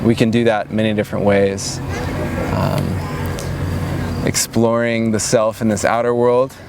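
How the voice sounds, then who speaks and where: A low, flat-toned man in his twenties muses in a slow, halting interview, pausing and restarting often. He sounds reflective and unhurried. Traffic and outdoor noise come through clearly behind him. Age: 20s. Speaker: retreat organizer. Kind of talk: personal interview monologue. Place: outdoors at a large gathering.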